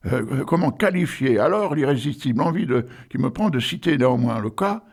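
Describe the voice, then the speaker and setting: An older French radio host with a deeply gravelly, husky voice. He rambles casually, piling up fillers and side remarks as he reads poems on air. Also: expressive, a little fast, darkish tone. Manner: chatty, digressive, frequent asides and fillers. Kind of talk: casual rambling radio chat and poetry reading.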